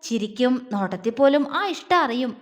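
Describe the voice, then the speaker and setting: A cheeky young wife voiced by a woman storyteller, pouting and coaxing as she chatters on. Her voice is bright and high, with a long reverb trailing behind it. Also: expressive, moderate pace, lightly acted. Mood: playful.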